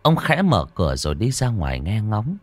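A man narrating a ghost story with dramatic, animated delivery, rising and falling to build suspense. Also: fairly low pitch, moderate pace, no echo.

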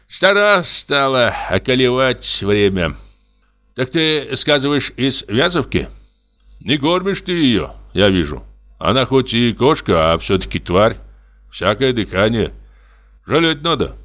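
A man's voice: medium pitch, sing-song, unhurried, fairly bright tone, faint music behind, pitched above the performer's own voice. A man reading an audiobook voices a timid, pious old male forester who whines and sighs in fright. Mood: grumbling. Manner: whining, sighing, fearful.

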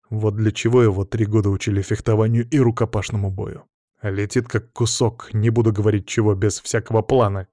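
A man's voice: on the low side, dark tone, dry recording, clean studio sound. A man reading a first-person audiobook aloud, with coarse, sardonic storytelling. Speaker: audiobook narrator.

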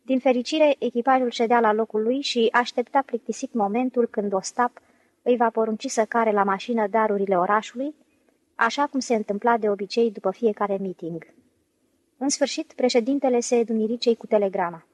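A woman with a fairly high voice reads a novel aloud as an audiobook narrator. Her delivery is lively and she lifts her voice for the shouted dialogue. The recording is close and dry, with no room sound. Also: dry recording, poor audio.

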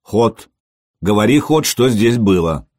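A man voicing a stern young prince who speaks slowly and commands. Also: on the low side, expressive, darkish tone, no echo, clean studio sound. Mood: commanding. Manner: slow, commanding, measured.

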